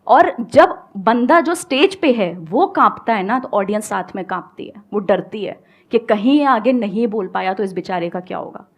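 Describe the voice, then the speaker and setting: A woman giving a motivational stage talk and answering audience questions, calm and reassuring as she mixes Hindi and English. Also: medium pitch, normal speed. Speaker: speaker and communication coach.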